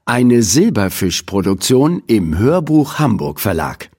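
A man reading a children's audiobook aloud in an expressive storytelling manner. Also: on the low side, unhurried, husky. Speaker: audiobook reader. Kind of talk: scripted audiobook narration.

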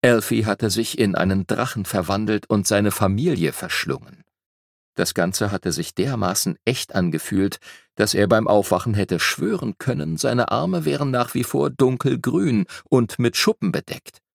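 A man narrating a children's fantasy audiobook as a lively storyteller, shifting his pitch for emphasis. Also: unhurried, gravelly, dry recording, clean studio sound.

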